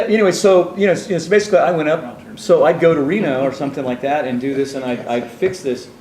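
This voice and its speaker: A man's voice: on the high side, a little mellow, roomy sound, a little hiss or hum, rough recording. A man telling his life story in an interview, rambling through asides and acting out the people he quotes. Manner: meandering, many restarts and asides, acts out quoted people.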